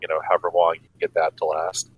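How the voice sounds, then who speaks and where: A man's voice: sits low, completely flat delivery, fast talker, slightly rough, highs cut off. A man co-hosting a podcast, explaining news stories in a wry way with many hesitations. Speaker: podcast co-host. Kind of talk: casual political chat.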